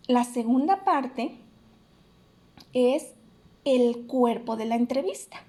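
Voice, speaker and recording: A woman teacher with a Mexican Spanish accent, explaining a lesson to young pupils in a slow, patient and clear way, checking in with questions. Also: high-pitched, dark tone.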